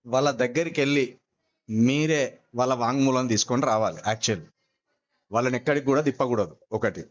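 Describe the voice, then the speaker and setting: Fast-talking, insistent man on a phone call. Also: mid-range voice. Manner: insistent, confrontational. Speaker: activist.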